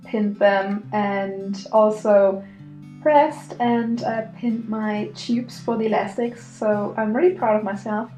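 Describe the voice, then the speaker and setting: A woman with a German accent chatting casually through a sewing tutorial, giggly and full of ums. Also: medium pitch. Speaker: sewing vlogger. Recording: echoey room with soft guitar music.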